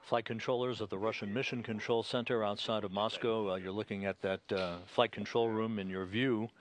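Speaking in a lowish, steady voice, a man provides live commentary on a spaceflight as mission control's commentator. His official delivery is measured and halting.

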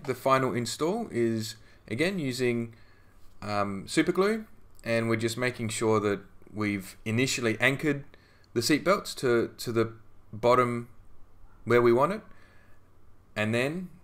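The voice-over for this scale modelling tutorial comes from a man whose voice sits on the low side. His delivery is easygoing and conversational, with plenty of ums and restarts.

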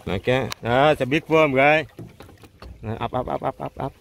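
A middle-aged man hosting a fishing channel, chatting excitedly in simple, broken English from a small open boat at sea, filmed on an action camera. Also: medium pitch, moderate pace, gravelly, slight background noise. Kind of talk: casual excited narration while fishing. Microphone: handheld or mounted action camera.

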